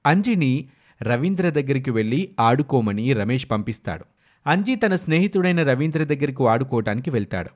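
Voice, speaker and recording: A man narrating a moral story for a cartoon in a steady, plain storytelling manner. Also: mid-range voice.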